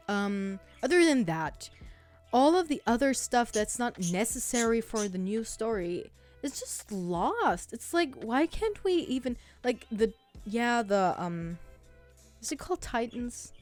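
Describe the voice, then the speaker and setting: A woman's voice: on the high side, sing-song, slow, darkish tone, soft background music. A woman ranting in casual chat, heated and sweary, with lots of fillers and restarts. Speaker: streamer.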